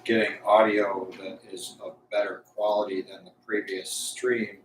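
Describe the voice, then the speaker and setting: A man live streaming casual, unscripted talk, thinking aloud haltingly as he tests a Bluetooth mic. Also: on the low side, little pitch movement. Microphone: Bluetooth lapel mic. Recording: echoey, distant Bluetooth mic, faint noise.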